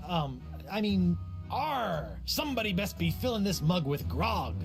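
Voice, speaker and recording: A man's voice: sits high, big pitch swings, a little slow, vocal fry, heavily acted. A young pirate hero for a comedic video game. He is quippy and naive, with a theatrical, very mobile delivery. Music plays behind his chatty wisecracks. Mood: chatty, wry.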